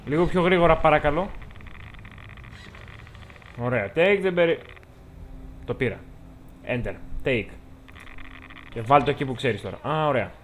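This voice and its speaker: A man's voice: fairly high pitch, pauses often, slight background noise. A man with a Greek accent giving chatty, joking let's-play commentary, talking to the game's characters as he plays. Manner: chatty, jokey, talks to the game characters. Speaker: gameplay commentator.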